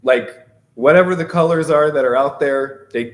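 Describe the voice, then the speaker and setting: A man hosting a relaxed, conversational interview, explaining and asking questions informally. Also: fairly high pitch, normal speed. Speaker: podcast host. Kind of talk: casual interview chat.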